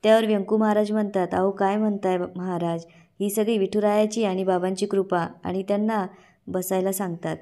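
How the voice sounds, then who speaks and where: A woman tells the story of a TV serial episode as a recap, keeping the narration in a fairly level, flat pitch. Her voice is dark and mellow, and she leans into the quoted dialogue with extra emphasis. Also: fairly quick.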